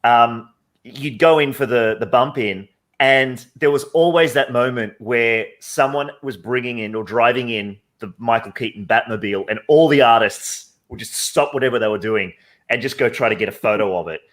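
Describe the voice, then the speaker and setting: A man's voice: mid-range voice, moderate pace, fairly bright tone. Artist guy rambling about a movie on a stream, mid voice, chatty. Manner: rambling, conversational storytelling. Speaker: guest artist. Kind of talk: casual chat on a video call.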